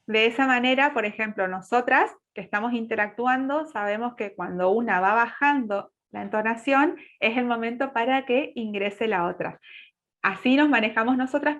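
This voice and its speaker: A woman teaching public speaking in a webinar, setting out her points in order over a video call. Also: fairly high pitch. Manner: orderly, lists points in sequence. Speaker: speech coach. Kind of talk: webinar lecture. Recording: dull lo-fi audio.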